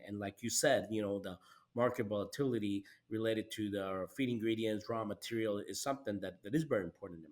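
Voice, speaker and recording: A native Spanish-speaking man from Costa Rica, with a Costa Rican accent and a fairly low pitch, hosts a conversational podcast interview. He speaks haltingly, often repeating words and starting over.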